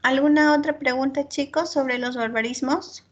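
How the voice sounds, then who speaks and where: A woman's voice: sits high, steady tone, moderate pace, highs cut off. A woman teaching a class, explaining patiently with spoken examples and constantly checking in with short tag questions. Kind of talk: online class lecture.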